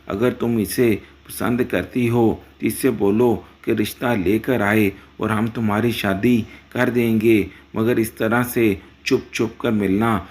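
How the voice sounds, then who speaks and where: A man's voice: on the low side, flat delivery, few pauses, darkish tone, lightly acted. A man reading the lines of an angry, outspoken young married woman in a storybook narration, scolding.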